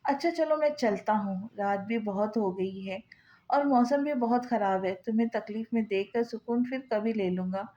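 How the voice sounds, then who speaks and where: A woman's voice: medium pitch, normal speed, warm tone, lo-fi sound, natural voice. A woman voicing a cruel, taunting young husband who mocks with false tenderness, read in her own voice from a novel. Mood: mocking.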